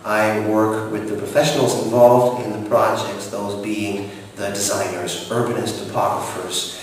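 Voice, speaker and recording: Formal and measured, this Montreal man, whose first language is French, hesitates often while answering interview questions as a director of operations. His fairly low voice barely moves in pitch, and a little hiss or hum is audible. He's distant from the mic in a room with long, heavy reverb.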